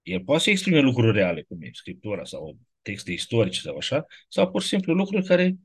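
A man giving a casual classroom lecture, wandering off topic and often checking in with his listeners through quick rhetorical questions. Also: mid-range voice, huge pitch swings, slightly rough.

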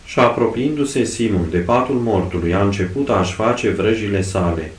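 Low-voiced man solemnly reading aloud. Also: far from the mic. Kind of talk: reading a saint's life aloud. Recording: echoey room, voice off-mic.

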